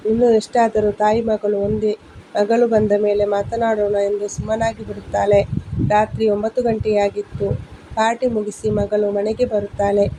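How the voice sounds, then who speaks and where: A woman narrating a family story in a calm, even storytelling manner. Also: medium pitch, background noise.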